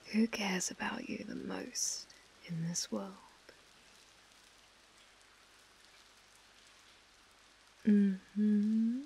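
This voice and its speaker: A woman's voice: medium pitch, creaky, warm tone, slightly rough, exaggerated voice, poor audio. Woman playing a ASMR role-play British possessive mafia heiress. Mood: controlling, tender. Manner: slow, controlling, condescendingly affectionate. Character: possessive, obsessive female mafia heiress, menacingly tender captor.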